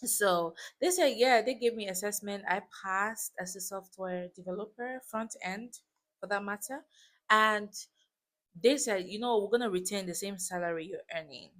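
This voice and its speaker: Telling a personal story for her YouTube channel, this twenty-something vlogger from West Africa speaks with the accent of her native French. Her medium-pitched voice is a bit bright and moves at a normal speed. She keeps things casual, with emphatic asides and frequent check-ins.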